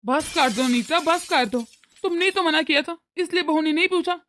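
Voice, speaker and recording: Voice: very high-pitched, normal speed, pushed and bright, a little hiss or hum. A voice actor playing a weary, peacemaking older father-in-law in a cartoon, pleading with his wife. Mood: soothing. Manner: pleading, soothing. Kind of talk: cartoon voice acting.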